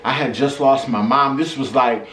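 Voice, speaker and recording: A man vlogging a storytime in an animated, slangy way, throwing out rhetorical questions. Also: medium pitch, moderate pace, slight background noise. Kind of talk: storytime vlog. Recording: echoey room, mic at a distance, faint ambience.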